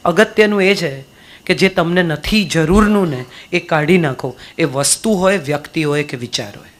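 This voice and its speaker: This middle-aged woman speaks with a Gujarati accent in a deep voice at a moderate pace. A motivational speaker, she addresses a live audience in a lively way, telling stories and firing off rhetorical questions.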